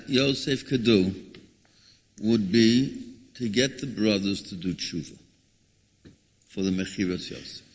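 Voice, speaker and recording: A man gives a religious lecture like a rabbi, dramatic and emphatic, posing rhetorical questions and repeating himself. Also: on the low side. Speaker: rabbi giving a Torah lecture. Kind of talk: sermon, expounding scripture. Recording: echoey hall with long reverb.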